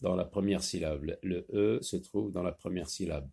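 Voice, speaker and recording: A man teaching a French phonics lesson, saying each word slowly and repeating it with patience. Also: low voice, mellow. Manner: slow, patient, repeats words clearly.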